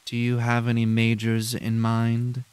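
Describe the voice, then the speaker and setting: A man's voice: smooth, no room sound, lightly acted. A man putting on a smug, nasal professor droning along. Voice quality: nasal, high monotone. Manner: cold, slow and drawn-out. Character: smug, condescending male professor giving a tour.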